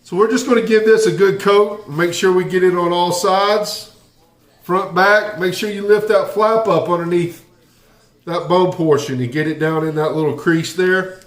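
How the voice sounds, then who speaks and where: Hailing from the Southern United States, this barbecue channel host speaks in a Southern American accent, his voice sitting high with fairly even intonation at a normal speed, and the sound is reverberant. He leads a casual home barbecue tutorial, easygoing and folksy, speaking straight to viewers. He begins in his home kitchen and then moves out to the grill area.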